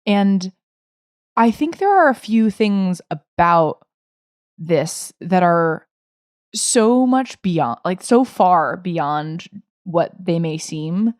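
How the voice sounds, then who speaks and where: In clean studio sound with no echo, a young adult woman co-hosts a podcast from Brooklyn, New York. Her voice is lowish and very slow, and she tells animated stories in casual chat, laughing often.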